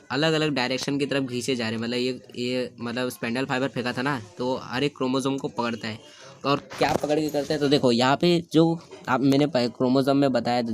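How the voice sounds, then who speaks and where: A man teaching a school science lesson in a casual, explanatory way. He keeps rephrasing and restating his points, often corrects himself mid-sentence, and reads textbook sentences slowly and deliberately. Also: medium pitch.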